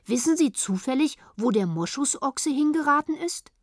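A woman's voice: high voice, lively intonation, moderate pace, dry recording, studio quality, pitched above the performer's own voice. A woman reading aloud, voicing a cheeky, hungry little girl in a storybook. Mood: pert. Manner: cheeky, pert.

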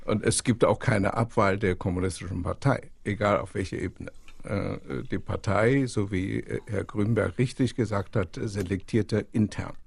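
A man's voice: on the low side, creaky, a little mellow, breathy edge, no room sound. A man from China, a guest on a radio panel discussion, who argues his points emphatically. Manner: emphatic, argumentative.

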